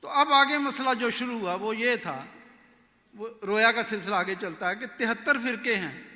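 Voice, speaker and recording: A man telling his personal conversion story in a lively, anecdotal way, acting out the dialogue. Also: sits high. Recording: echoey hall with long reverb.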